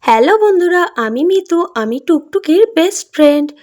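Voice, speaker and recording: A chatty little doll girl from a cartoon story, as a woman puts her on, high and cheerful. She talks in a friendly, childlike way with a soft, mellow tone. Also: lively intonation, moderate pace.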